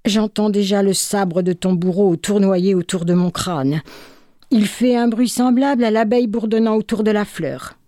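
A woman voicing a poor, humble vagabond merchant who confesses plainly, in a warm, dry storytelling voice. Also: medium pitch, moderate pace, no room sound, voice pushed up, lightly acted. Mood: trembling.

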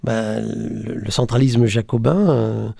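A man's voice: on the low side, steady tone, slow pace, creaky, mellow, slightly rough, no echo, studio quality. A man from the south of France, an economics professor, speaking as a radio guest with a neutral accent, restarting and repeating words as he goes. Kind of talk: radio interview talk. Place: radio studio.

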